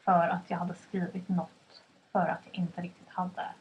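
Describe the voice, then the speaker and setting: A woman's voice: on the low side, level tone, a little mellow, husky. A young woman from Stockholm, co-hosting a podcast in a chatty, casual way, asking the questions with plenty of fillers. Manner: chatty, fillers like "liksom" and "så här", drives the questions. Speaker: podcast co-host. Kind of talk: casual chat. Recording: dull lo-fi with faint background noise.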